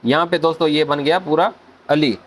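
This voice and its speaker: A man hosts a casual video lesson on Korean pronunciation, addressing viewers as friends and slowly spelling out sounds. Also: fairly high pitch, steady tone. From Pakistan. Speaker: Korean language teacher, channel host.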